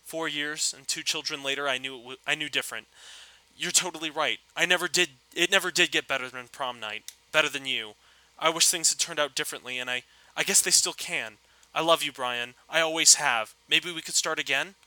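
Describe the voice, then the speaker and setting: A man's voice: a little high, brisk, pushed and bright, no room sound, poor audio. Wistful woman, read out by a man. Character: wistful woman, mother of two, meeting an old flame.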